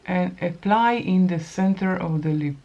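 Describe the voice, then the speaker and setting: Woman, 50s, low and gravelly, chatty makeup tutorial host, dull lo-fi recording. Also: measured pace, warm tone. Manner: chatty, talks to viewers while applying makeup, self-correcting. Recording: dull lo-fi sound.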